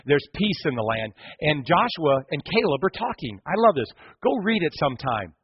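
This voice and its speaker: A man's voice: fairly high pitch, sing-song, moderate pace, husky, no room sound, muffled recording. A male pastor preaching a sermon, telling the story animatedly and speaking directly to the congregation.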